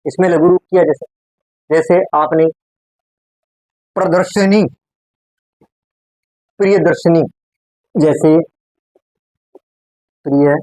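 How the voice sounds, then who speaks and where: A man's voice: fairly high pitch, fairly even intonation, unhurried, long pauses, a little mellow, no echo, low-quality recording. A man teaching Hindi grammar in a classroom, speaking with a Rajasthani Hindi accent. He repeats each word and keeps asking rhetorical questions to check that his students follow. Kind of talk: classroom lecture.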